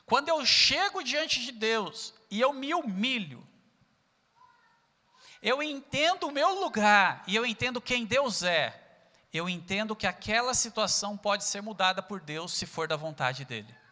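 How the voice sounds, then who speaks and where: Brazilian male pastor, sermon, sharp forceful tone, church-hall reverb. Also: high voice, sing-song, a little slow. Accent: Brazilian Portuguese. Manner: earnest preaching, asks rhetorical questions.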